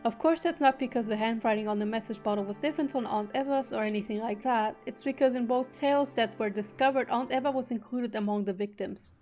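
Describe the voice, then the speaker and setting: A woman's voice: fairly high pitch, quick pace, few pauses, a little mellow, faint music behind. Woman streamer reading a game aloud. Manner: reads narration steadily, breaks off into joking asides. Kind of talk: reading aloud with casual asides.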